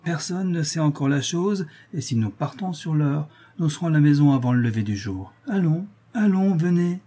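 A man's voice: a little high, expressive, normal speed, mellow. A man reading the part of a stern, pompous old nobleman ordering his daughter home, coaxing and commanding by turns.

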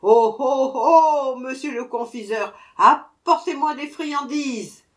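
A woman voicing an irascible tiny bearded male dwarf who shouts his demands in a storybook reading. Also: high voice, lively intonation, unhurried, voice pushed up. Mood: shouting.

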